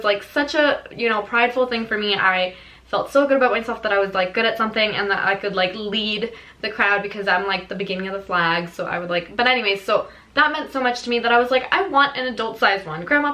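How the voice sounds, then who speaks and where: A young woman from Venezuela telling a casual storytime to her viewers, chatty and animated, laughing often and filling her talk with "like.". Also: mid-range voice, poor audio. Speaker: vlogger.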